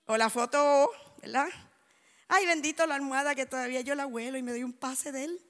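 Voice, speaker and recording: A woman preaching a sermon, telling lively anecdotes and acting out the dialogue. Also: high voice, brisk. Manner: animated storytelling, acts out dialogue. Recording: echoey hall.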